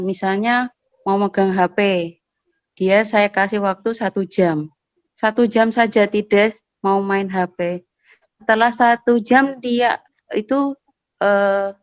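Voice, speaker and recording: A woman's voice: mid-range voice, dry recording. A woman parent talking casually on a video call, hesitant with many fillers and polite toward the host. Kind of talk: casual online discussion.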